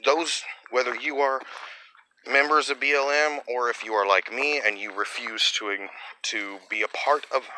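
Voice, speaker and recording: A man's voice: medium pitch, fairly even intonation, measured pace, sharp tone, a little hiss or hum, low-quality recording. A man delivering a blunt, profane opinion monologue in a ranting way.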